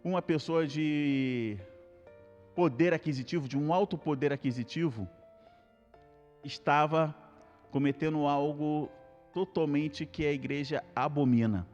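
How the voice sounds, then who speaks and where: A male Brazilian pastor giving an earnest Bible study sermon, repeating key points slowly and calling out to the congregation. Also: a little high, darkish tone, long reverb tail, dull audio, faint music behind. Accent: Brazilian Portuguese.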